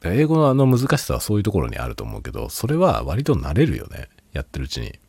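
A man's voice: sits low, huge pitch swings, fast, vocal fry, darkish tone, husky, dry recording. A man hosting a casual solo talk show, rambling and laughing a lot while tipsy. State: drunk. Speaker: podcast host.

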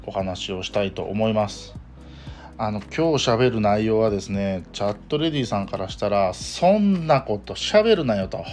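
A man with a Kansai accent hosts a casual solo podcast in a fairly low voice. He talks hesitantly and fills his pauses often. Soft music plays faintly behind him. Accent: Kansai Japanese. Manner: hesitant, many fillers. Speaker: podcast host.

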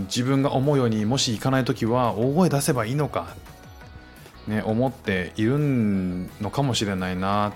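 A man in his thirties, a stay-at-home dad, hosting a casual podcast alone at a close mic and reflecting gently on parenting, with lots of fillers. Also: mid-range voice. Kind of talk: casual spoken-word podcast monologue.

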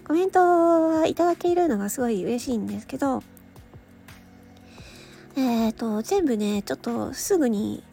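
A woman who hosts an audio channel and does voice work as a hobby chats casually on her own to listeners, over soft background music or ambience. Her voice is high and gravelly, with lively intonation and a measured pace. She pauses often and sounds hesitant and meandering, giggling a lot, tired, her speech slightly slurred.

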